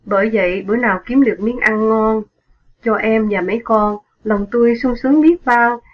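A woman's voice: a little high, moderate pace, lo-fi sound, close to an everyday voice. A woman voicing a poor, grieving middle-aged former soldier who laments his wife's death in a mournful, wailing tone. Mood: wistful.

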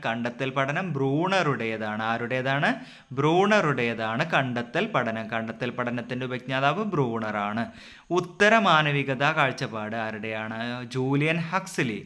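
A male exam tutor runs through his revision points in a steady drill. His voice is bright and forceful. He poses each question and hammers home the answer with repeat after repeat. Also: medium pitch. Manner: asks a question, then repeats the answer several times.

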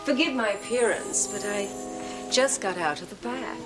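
A woman's voice: medium pitch, lively intonation, close to an everyday voice, rough recording. Woman playing coy seductress, music behind. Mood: poised. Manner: coy, teasing, unhurried. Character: flirtatious, self-assured seductress. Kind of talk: 1980s TV action drama dialogue.

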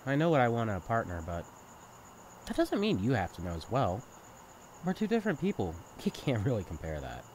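A young adult man with a mid-range, darkish voice speaks fairly quickly, his pitch swooping wildly, against a night backdrop of chirping crickets, insects, and slight background noise. In an intimate audio roleplay he plays a sibling's best friend, talking candidly and casually, caring and teasing, with a sincere, thoughtful mood.

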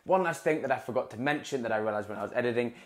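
A man's voice: mid-range voice, very fast. Casual young man explaining ski gear. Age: young adult. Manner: casual, explanatory, repeats words for emphasis. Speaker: water-ski coach. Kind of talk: instructional talk to camera. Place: small indoor room in front of a dark wall. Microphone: clip-on lapel mic.

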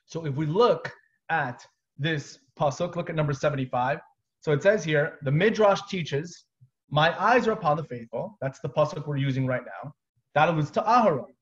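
A man in his thirties teaching a live online Torah class, explaining step by step with casual asides. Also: on the high side. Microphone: webcam on a video call. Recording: dull lo-fi video call audio.

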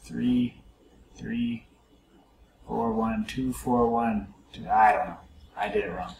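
A man talks his viewers through a game in a relaxed, musing way, addressing them directly as he plays. His voice sits at an ordinary middle pitch. The room gives it a noticeable echo, with faint background clatter. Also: slow, creaky, slight background noise. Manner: chatty, musing aloud to viewers. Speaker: let's play host. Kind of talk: casual gameplay commentary.

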